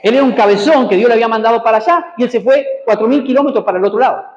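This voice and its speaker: Pastor guy preaching, high voice, church call-and-response, roomy echo, bit muffled, faint hum behind. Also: very fast. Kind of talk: sermon. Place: church hall.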